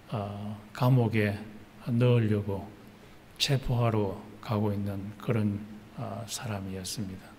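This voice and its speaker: A male pastor preaching a sermon slowly and deliberately, pausing often with "uh" fillers. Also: medium pitch, a little mellow. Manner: slow, deliberate preaching with many pauses and "uh" fillers. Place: church sanctuary. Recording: church hall reverb, faint noise.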